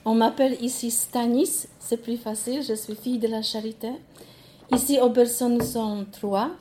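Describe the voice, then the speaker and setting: A woman's voice: a little high, steady tone, normal speed, mellow, a little hiss or hum. A nun with a Polish accent, whose first language is Polish, introducing her community in a radio interview, speaking plainly and earnestly.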